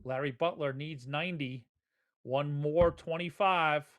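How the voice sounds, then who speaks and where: A man's voice: on the high side, unhurried, a bit bright. A man giving live darts commentary in a conversational, folksy way. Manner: conversational, folksy turns of phrase.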